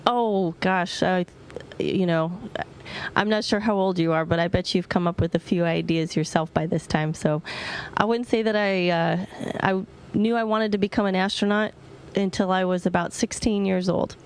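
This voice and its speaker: A woman's voice: on the low side, steady tone, moderate pace, clear, resonant tone. A woman astronaut giving informal, plain-spoken answers to students over a space-to-ground radio link. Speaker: astronaut answering questions from orbit. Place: aboard a space station.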